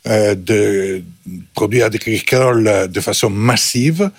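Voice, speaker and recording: A man, a guest on a panel discussion, speaking in a measured, skeptical way. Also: on the low side, no echo, studio quality. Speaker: guest commentator.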